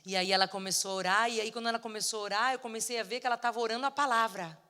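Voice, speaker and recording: Woman, middle-aged, emotional sermon testimony, bright tone, long church reverb. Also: on the high side, steady tone, rapid-fire, clean tone. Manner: emotional storytelling, acting out dialogue with big swings in loudness. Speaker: preacher. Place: church sanctuary.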